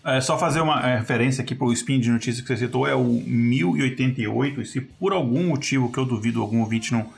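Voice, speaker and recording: Creaky-voiced Brazilian man explaining things. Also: mid-range voice, fast, few pauses. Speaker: podcast panelist. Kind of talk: casual discussion.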